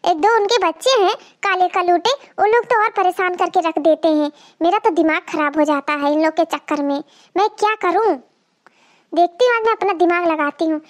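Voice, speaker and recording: A woman's voice: extremely high pitch, fairly quick. A woman voicing a flustered young new daughter-in-law in a cartoon comedy, fretting and exasperated as she speaks to viewers. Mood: fretful. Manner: fretful, exasperated, talks to viewers.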